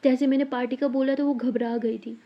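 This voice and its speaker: A woman's voice: high-pitched, steady tone, a little fast. A woman voicing a blunt, outspoken young college woman who explains things matter-of-factly. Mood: blunt, explaining. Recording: slightly dull lo-fi audio.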